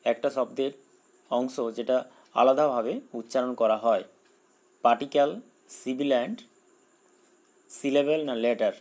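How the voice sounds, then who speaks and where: Man, exam-prep teacher, slow careful reading, then quick explanations. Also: medium pitch, a little mellow, rough recording. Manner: reads English questions slowly, explains in Bengali. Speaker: English teacher. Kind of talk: exam-prep grammar lesson.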